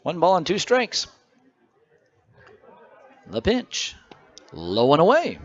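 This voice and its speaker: A man's voice: huge pitch swings, takes it slowly, highs cut off, some chatter behind. Man calling baseball play-by-play. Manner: conversational, reads stats between pitches. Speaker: play-by-play announcer. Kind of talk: radio baseball commentary.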